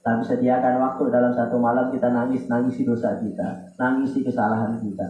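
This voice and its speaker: A man preaching a sermon who acts out tearful prayers and climbs to loud, pleading cries. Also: mid-range voice, little pitch movement, brisk. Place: Islamic boarding school hall. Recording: muffled echoey hall sound.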